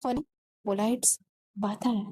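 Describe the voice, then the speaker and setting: A woman's voice: mid-range voice, fairly even intonation, unhurried, warm tone, husky, no echo. A woman voicing a stern, commanding young husband who is a police officer, in a spoken romance story.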